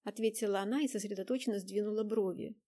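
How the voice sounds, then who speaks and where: A woman reading an audiobook in an even, measured narration. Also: medium pitch. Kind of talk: scripted narration.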